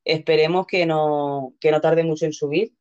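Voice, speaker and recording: A woman's voice: deep voice, steady tone, moderate pace, a little mellow. Playful Castilian Spanish woman host, dull lo-fi audio. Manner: playful, exclamatory. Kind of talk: casual live show chat.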